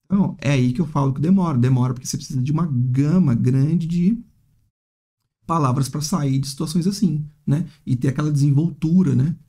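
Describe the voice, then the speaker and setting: A young male English teacher talking straight to his viewers in a relaxed, conversational way, with a fairly high but mellow voice. He chats along, tags his sentences with little questions, and now and then mimics a stumbling student. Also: fairly quick. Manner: chatty, frequent "né?" tags, acts out hesitant students. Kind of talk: casual teaching monologue.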